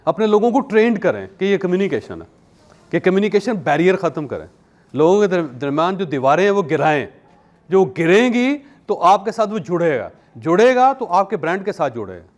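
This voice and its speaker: A man from Pakistan, hosting a talk and telling lively stories, acting out the people he quotes and laughing often. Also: high-pitched, brisk. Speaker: talk show host and columnist. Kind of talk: animated conversational talk.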